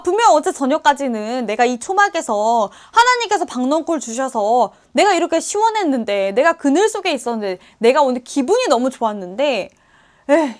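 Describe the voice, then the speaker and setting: A woman's voice: high-pitched, voice pushed up, close to an everyday voice. A woman voicing a grumbling adult male prophet who complains in whiny pleas.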